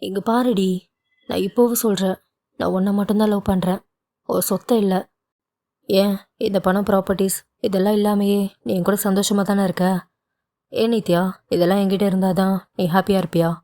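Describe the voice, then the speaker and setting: A woman voicing a proud, hot-tempered young husband who talks in a sharp, insistent way. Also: mid-range voice, level tone, moderate pace, pauses often, close to an everyday voice. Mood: apologetic.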